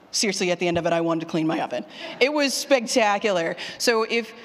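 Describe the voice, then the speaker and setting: A former college teacher leads a writing workshop at a live conference session, speaking in an animated, informal, emphatic way and repeating audience questions aloud, much like addressing students. Her voice is mid-pitched and conversational. The indoor session room or hall adds a long reverb to the recording.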